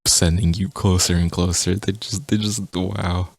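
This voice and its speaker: A man's voice: sits low, flat delivery, measured pace, gravelly, no echo. A man giving casual game review commentary, often stammering and repeating his words.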